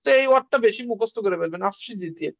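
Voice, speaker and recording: In this beginner language lesson, a woman with a mid-range voice drills sounds through repetition, going through them one at a time and then quizzing the listener on word meanings. Her delivery is animated and rapid-fire, on a dry, echo-free recording with muffled lo-fi sound.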